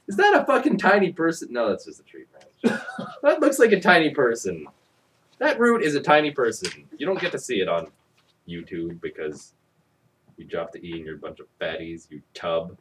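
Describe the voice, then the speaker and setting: In a medium-pitched, fairly bright voice, a man performs a mock-dramatic storybook reading with theatrical flair, tossing in sardonic, profane ad-libbed commentary. The mic is distant and there's slight background noise.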